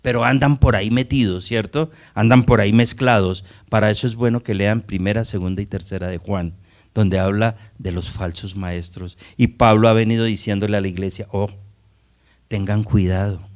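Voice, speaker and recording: A man's voice: fairly low pitch, fairly even intonation, fairly quick. Man preaching a Bible study sermon. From Colombia. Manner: preaching with rhetorical questions and asides to the congregation. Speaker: pastor.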